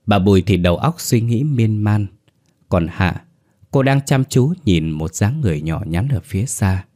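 A man reading a ghost story aloud in a steady, measured way. His voice sits very low and deep. The delivery is scripted narration.

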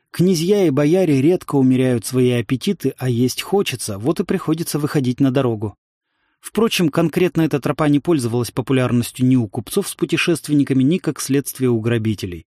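A man reading a fantasy adventure story aloud in an even, measured narrating voice. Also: medium pitch, no echo, studio quality. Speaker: audiobook narrator. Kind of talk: scripted narration.

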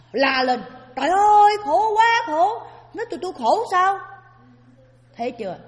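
A woman giving a Buddhist Dharma talk as a sermon, often asking her listeners rhetorical questions. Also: fairly high pitch. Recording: long hall reverb.

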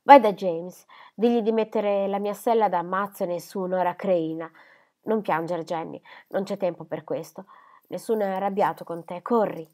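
A woman's voice: mid-range voice, steady tone, normal speed, mellow, natural voice. A woman reading aloud and voicing an anxious, determined young woman who speaks urgently. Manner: urgent, pleading.

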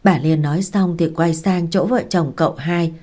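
A woman narrates an audiobook in a steady, even storytelling manner. Her voice sits on the low side. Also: moderate pace.

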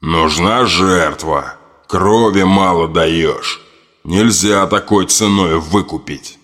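A man voicing a sinister evil swamp spirit speaking from a mirror, with a slow, commanding, urging manner and a long echo. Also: sits low, fairly bright tone. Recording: long hall reverb, distant.

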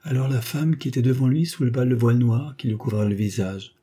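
A man narrating a classic novel as an audiobook in a measured, dramatic delivery. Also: medium pitch, fairly even intonation, dark tone, slightly rough.

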